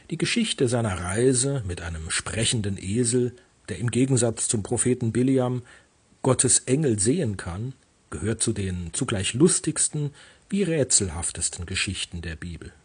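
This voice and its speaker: A man, a pastor, giving a measured, earnest devotional reflection on a Bible text. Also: mid-range voice, a little mellow, slightly rough.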